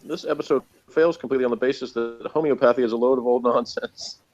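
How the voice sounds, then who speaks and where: Reading from notes at a quick pace, a review show host with a medium-pitched voice adds chuckling asides in a laid-back chat. The audio is a bit dull and lo-fi.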